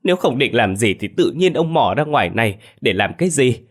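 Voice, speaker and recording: A man voicing a middle-aged village wife who wails and scolds her husband loudly. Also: medium pitch, big pitch swings, fairly quick, voice pushed up. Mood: tearful scolding. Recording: faint background music.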